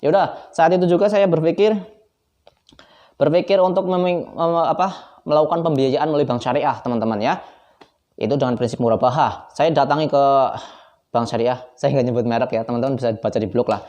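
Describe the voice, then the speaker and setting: A man's voice: mid-range voice, fairly even intonation, a little fast, darkish tone. A man telling a personal story to his viewers, earnest and devout, talking to them directly as friends. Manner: devout, with frequent religious exclamations. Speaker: vlogger sharing a personal story. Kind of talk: emotional personal testimony.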